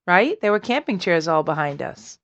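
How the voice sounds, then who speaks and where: A woman co-hosting a podcast in casual chat, with a dry, teasing manner. Her voice sits a bit low for a woman. The sound is dry and somewhat dull. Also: very animated, normal speed, fairly bright tone, no echo. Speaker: podcast co-host.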